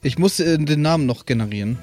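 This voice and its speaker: Over background music, a podcast co-host who plays tabletop role-playing games talks casually about making characters. He has a fairly high voice and talks fast and animatedly, against a noisy background.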